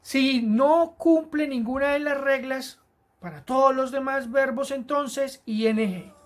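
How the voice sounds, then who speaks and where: A woman teaching an English grammar lesson to Spanish-speaking students, explaining rules patiently and repeating key words slowly. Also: high-pitched. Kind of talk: recorded grammar lesson narration.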